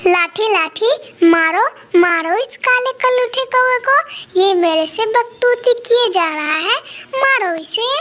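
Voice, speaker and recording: A woman's voice: extremely high pitch, a little slow, fairly bright tone. A woman voicing a stern, protective magic tree that scolds a crow in a cartoon story. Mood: angry. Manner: scolding, commanding.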